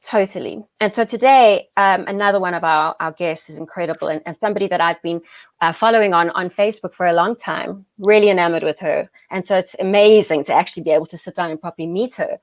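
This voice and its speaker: A woman's voice: fairly low pitch, fast, no room sound. A woman hosting an interview, talking enthusiastically and heaping praise on her guest. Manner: gushing, enthusiastic, effusive praise. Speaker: host. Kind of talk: interview conversation.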